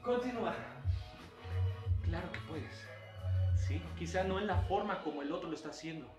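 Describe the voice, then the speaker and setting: High-voiced Mexican fitness instructor counting reps. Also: male voice, animated, normal speed. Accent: Mexican Spanish. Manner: encouraging, loudly counting reps. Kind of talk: online exercise class. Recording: echoey room, voice far from mic, faint music.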